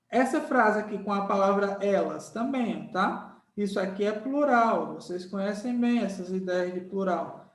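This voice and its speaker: A man teaching a grammar lesson, patiently repeating each point and checking in with his students. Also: extremely high pitch. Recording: echoey room.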